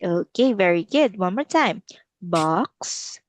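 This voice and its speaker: Woman English tutor, very slow and patient, stretches words for repetition, dry close sound. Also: mid-range voice, animated, no room sound. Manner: slow, drawn-out model words. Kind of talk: online one-on-one English lesson.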